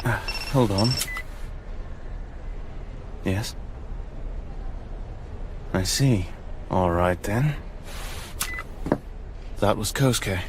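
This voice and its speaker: A low, calm anime protector. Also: male voice, extremely slow, long pauses, slight background noise. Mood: calm, concerned. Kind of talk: English anime dub acting.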